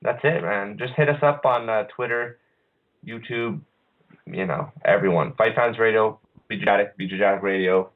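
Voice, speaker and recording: A man hosting an online radio show, talking casually with lots of hesitations and restarts. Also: lowish voice. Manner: halting, many uhs and restarts. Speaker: podcast host. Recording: phone-line quality audio.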